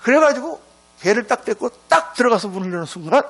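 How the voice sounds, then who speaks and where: Gravelly high-pitched guy preaching, super lively storytelling sermon. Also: quick pace. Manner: animated, acts out dialogue in the story. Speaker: pastor. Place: church sanctuary.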